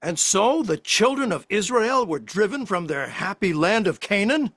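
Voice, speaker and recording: A man's voice: high-pitched, sing-song, normal speed, a bit bright, heavily acted. A man playing a solemn, stately President Lincoln in a historical play reading, with formal oratory. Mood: gracious, formal.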